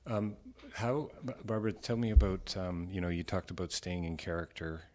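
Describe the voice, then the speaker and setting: A man's voice: deep voice, normal speed, a little mellow. A man hosting an interview podcast, asking long rambling questions full of restarts and praise. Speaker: podcast host. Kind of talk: interview chat.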